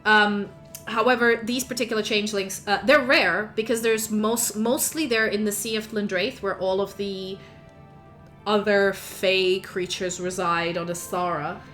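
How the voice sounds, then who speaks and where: A woman's voice: mid-range voice, steady tone, unhurried, fairly bright tone, soft background music. A woman narrating as game master, rambling through lore with lots of fillers.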